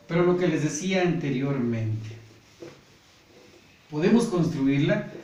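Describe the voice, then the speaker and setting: A man with a Guatemalan Spanish accent teaching a grammar lesson slowly and patiently, often checking in with "¿verdad?". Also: a little high, darkish tone. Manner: patient, repeats points, often asks "¿verdad?". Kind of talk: slow classroom grammar lesson. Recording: echoey room, voice from far off, faint noise.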